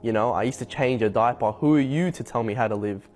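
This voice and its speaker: A young man from Hong Kong telling his personal story to camera, reflective and unhurried, with frequent ums. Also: mid-range voice, darkish tone. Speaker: convert sharing his story. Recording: faint music bed behind voice.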